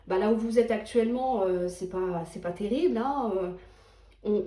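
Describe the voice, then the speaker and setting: In an echoey room, a woman with a fairly high but dark-toned voice delivers a chatty, reassuring tarot reading as a monologue, frequently checking in with her listener.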